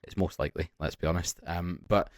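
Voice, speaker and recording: A man's voice: sits low, fairly even intonation, a little fast, dry recording, clean studio sound. A man hosting a casual football podcast, bantering as he leads the segments. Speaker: podcast host.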